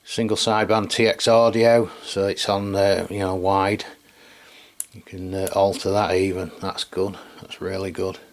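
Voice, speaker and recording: A man from England who reviews radios and hosts videos talks through a product hands-on in a loose, rambling, colloquial style, with plenty of tag questions at the ends of sentences. He speaks with an English accent in a low voice that moves little in pitch and runs a little slow.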